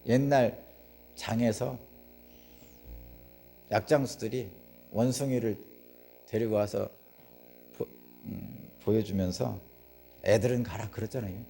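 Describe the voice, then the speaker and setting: Lively Korean pastor, animated preaching. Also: male voice, medium pitch, creaky, a little hiss or hum. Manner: lively storytelling, acting out crowd voices; rhetorical questions to the congregation. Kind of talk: sermon.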